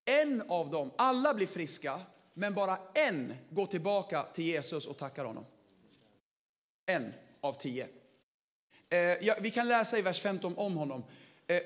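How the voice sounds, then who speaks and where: A man preaching a lively sermon to a big gathering, energetic and playful, sometimes shouting to stir up the crowd. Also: high voice. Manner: energetic, shouts to rouse the audience, playful slang. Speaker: pastor.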